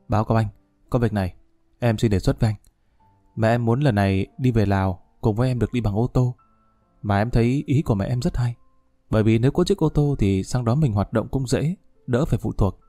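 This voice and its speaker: A man's voice: medium pitch, fairly quick, pauses often, warm tone, no room sound, faint music behind, natural voice. A man voicing an eager, respectful young police officer in an audiobook drama reading.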